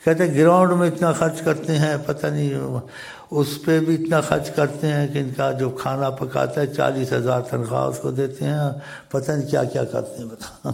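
A man's voice: medium pitch, flat delivery, creaky, a little mellow. A man giving an informal religious talk, telling stories in a chiding, conversational way. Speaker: preacher.

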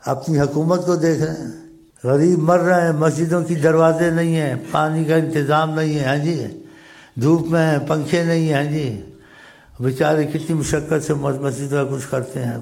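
A man's voice: a little high, creaky, darkish tone. A man giving an informal religious talk, telling stories in a chiding, conversational way. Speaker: preacher.

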